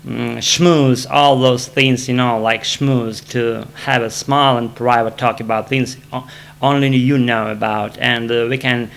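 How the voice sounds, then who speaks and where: Russian-accented man vlogging in English, gravelly yet smooth tone, flat delivery, hesitant, in back pain. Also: medium pitch, unhurried. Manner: hesitant, many fillers and restarts. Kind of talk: casual self-recorded monologue. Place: seated in an armchair at home.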